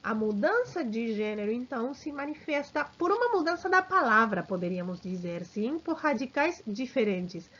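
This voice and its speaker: A woman teaching a grammar lesson, speaking slowly and deliberately and often checking in with her students. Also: high voice, breathy edge. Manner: slow and deliberate, checks in with frequent "sim?". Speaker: language teacher. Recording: dull lo-fi recording.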